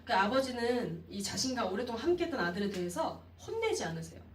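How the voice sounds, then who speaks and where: A woman evangelist preaching a youth sermon in an expressive storytelling manner, acting out the people in the story. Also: a little high, quick pace, a little hiss or hum. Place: church sanctuary. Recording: roomy echo, distant mic.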